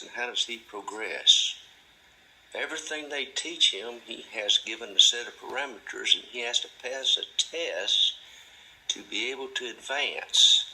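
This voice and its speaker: A man hosting a monologue, talking slowly and deliberately in a drawling, folksy way. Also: bright, forceful tone, rough recording. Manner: drawling, folksy, mimics a delighted parent in a high voice; slow, deliberate delivery. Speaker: host. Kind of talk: monologue to camera.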